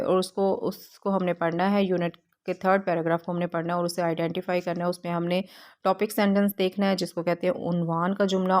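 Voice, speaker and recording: A woman teacher walking students through a textbook exercise step by step, reading English lines slowly with frequent pauses. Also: lowish voice. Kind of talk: textbook lesson walkthrough.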